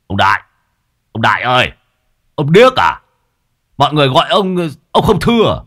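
A man voicing a brash, strong young village man who shouts and stammers in fright. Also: mid-range voice, wildly swooping pitch, moderate pace, dry recording, studio quality, pitched above the performer's own voice. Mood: mocking shout.

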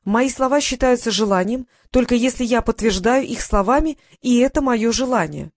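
A woman voicing a calm, clever young woman who gives orders in a cool, measured way, in an audiobook reading. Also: a little high, no echo, clean studio sound. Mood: commanding. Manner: cool, measured, quietly commanding.

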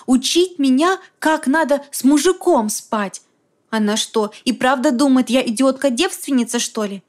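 A woman's voice: high-pitched, pitched above the performer's own voice. A woman reading an audiobook, voicing a distraught young woman of twenty-eight who talks in an agitated, pleading rush. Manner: agitated, pleading, fast hot whisper. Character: upset young woman, 28, shrill and furious. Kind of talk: audiobook character voice.

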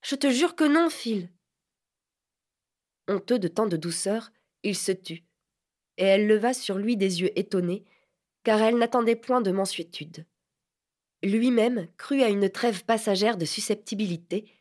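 Woman narrating a literary audiobook. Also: mid-range voice. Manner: measured, even storytelling.

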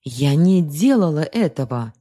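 A woman's voice: low voice, lively intonation, measured pace, warm tone, husky, full character voice. A woman doing a young woman pleading her innocence. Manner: pleading, defensive.

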